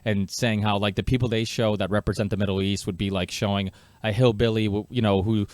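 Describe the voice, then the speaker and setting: A man's voice: on the low side, fairly even intonation, a little fast, darkish tone, dry recording. Chatty podcast host man, dry sound. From Portugal. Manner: chatty, loose. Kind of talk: casual podcast conversation.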